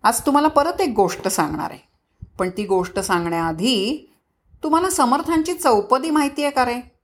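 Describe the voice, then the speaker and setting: A woman telling a moral story to children, speaking lively and asking them questions that she answers herself. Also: on the high side. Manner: sings devotional verse slowly.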